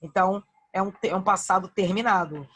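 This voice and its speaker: A woman's voice: medium pitch, a little fast, a bit bright, breathy edge. A woman teacher with a Brazilian Portuguese accent giving an online grammar lesson, patiently repeating verb forms and checking in with her students.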